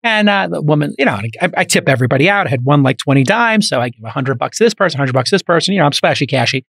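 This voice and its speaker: A man in his fifties hosting a podcast, telling stories in a quick, joking, boastful way in casual chat. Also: on the high side, animated, gravelly, fairly bright tone, dry recording, studio quality. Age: 50s. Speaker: podcast host.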